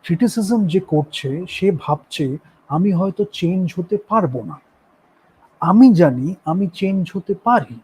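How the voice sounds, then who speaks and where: A man speaks in a reflective, coaching tone. His voice sits a little high and sounds husky. He stretches his English phrases out slowly and moves faster through his ones. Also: expressive, a little mellow, poor audio. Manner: shifts freely between slow, drawn-out English phrases and quick Bengali. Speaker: acting and voice coach. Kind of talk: reflective talk mixing Bengali and English.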